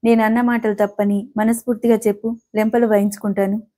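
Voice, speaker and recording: A woman's voice: medium pitch, little pitch movement, brisk, warm tone, lightly acted. A woman reading the part of a hot-tempered young male student, speaking in a curt, defiant way.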